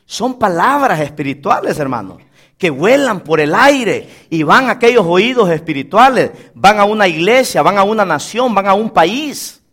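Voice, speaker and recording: Male pastor, very high pitch, highly animated delivery, emphatic call-and-response sermon. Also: moderate pace. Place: church pulpit.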